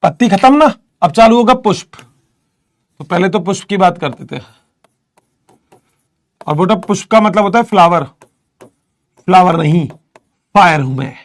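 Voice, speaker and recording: A man's voice: sits high, normal speed, long pauses, no echo. A young man teaching biology in a casual, joking manner, telling a story to his students and calling them beta. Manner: chatty, addresses students as beta, jokes often. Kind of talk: casual classroom lecture with storytelling.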